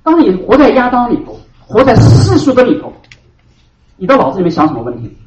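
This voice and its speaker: A man preaching a sermon to his congregation as their pastor. He hammers key words loudly, then drops to hushed asides. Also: extremely high pitch, wildly swooping pitch, quick pace, background noise. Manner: emphatic preaching, swinging between loud stresses and hushed asides. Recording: roomy hall from a distant, dull mic.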